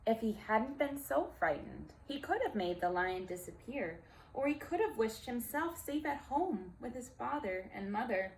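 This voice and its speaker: A woman storyteller reading aloud to young children in a deliberate, emphatic way, with simple explanatory asides. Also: on the high side, animated, creaky, darkish tone, slight background noise, low-quality recording.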